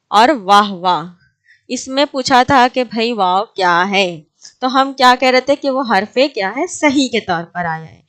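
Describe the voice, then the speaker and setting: A woman teaching an exam-prep grammar lecture, explaining step by step, asking and answering her own questions and slowly repeating example words. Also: medium pitch, fairly bright tone.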